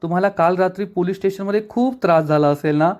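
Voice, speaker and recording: A gentle young bride in a serial recap, polite and concerned for her elders, as a male narrator voices her. The voice sits high. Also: quick pace, lightly acted. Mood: caring.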